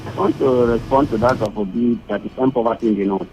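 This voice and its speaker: A Nigerian man calling in to a radio show over a phone line. He speaks haltingly and repeats himself while he looks for words. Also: mid-range voice, fairly even intonation, noisy background. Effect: heard over a phone line. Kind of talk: phone-in opinion call.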